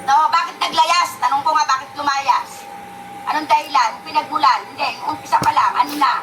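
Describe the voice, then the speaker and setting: A woman's voice: high-pitched, fairly even intonation, a little fast, music in the background. A woman talking in a casual stream clip, scolding and questioning others.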